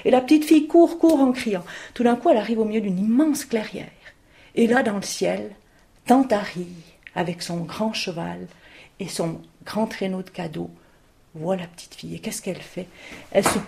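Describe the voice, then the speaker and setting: Brief: female oral storyteller, expressive fairy-tale telling, gravelly voice, questions to the listeners. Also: mid-range voice.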